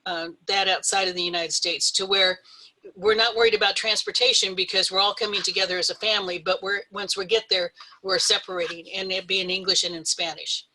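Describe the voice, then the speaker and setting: A woman speaking unscripted as a webinar panelist, measured and hesitant, drawing out some words. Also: medium pitch, steady tone, pushed and bright, rough recording. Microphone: video call.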